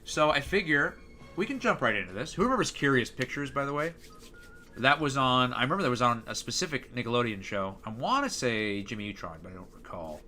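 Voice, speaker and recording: A man's voice: medium pitch, sing-song, fairly quick, sharp tone, soft background music. A young man chatting casually on a live stream, rambling and hesitant, with lots of fillers.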